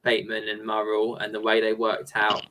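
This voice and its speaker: A man co-hosting a casual panel podcast, talking excitedly in quick bursts with frequent restarts. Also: on the low side, poor audio. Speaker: podcast co-host.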